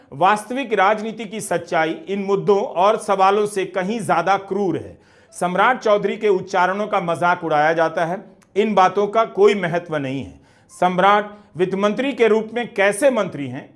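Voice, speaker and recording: A man delivering scripted political commentary in a measured, critical tone with rhetorical questions. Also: high-pitched, fairly bright tone. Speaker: news commentator.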